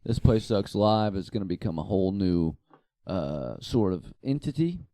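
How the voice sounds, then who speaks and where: A man's voice: low-pitched, animated, normal speed, mellow, dry recording. An American man co-hosting a comedy podcast, laid-back and crude, saying dude a lot. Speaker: podcast co-host. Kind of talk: casual podcast banter.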